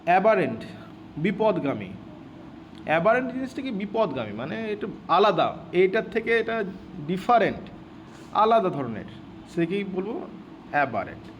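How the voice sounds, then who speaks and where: A man's voice: sits high, big pitch swings, normal speed, pauses often, lo-fi sound, slight background noise. A man teaching vocabulary, repeating words and answering his own questions. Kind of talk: vocabulary lesson explained in Bengali.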